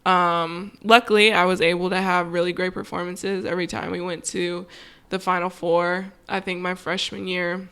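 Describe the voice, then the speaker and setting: A woman in her twenties talks in a calm, unhurried way as a podcast guest. Her voice is bright and clear. She leans on "like" as she thinks aloud. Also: fairly low pitch. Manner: relaxed, calm, with frequent "like" fillers. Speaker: guest, professional volleyball player. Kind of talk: casual podcast conversation.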